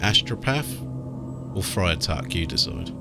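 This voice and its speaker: Low-voiced and expressive, a British let's play host takes his time with casual, sweary, blokey commentary on his gameplay. He's recording indoors in a small, warm room, game music in the background.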